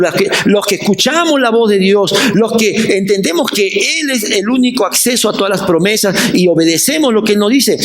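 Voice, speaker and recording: A Peruvian pastor preaching a sermon in lively Spanish, asking questions and answering them himself, and acting out the people he quotes. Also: high-pitched. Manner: acts out the voices of the people he quotes.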